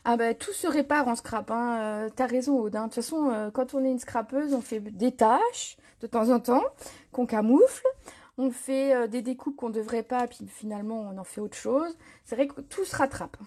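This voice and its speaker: A woman's voice: a little high, normal speed, warm tone. Chatty woman hosting a live craft demo. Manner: chatty, reads viewer comments aloud, frequent fillers. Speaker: crafting demonstrator. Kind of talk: live stream tutorial chat.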